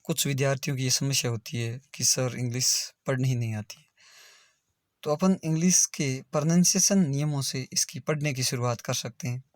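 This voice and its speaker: A man's voice: mid-range voice, normal speed, dry recording, clean studio sound. A man teaching English pronunciation in a video lesson, spelling words out letter by letter and repeating them.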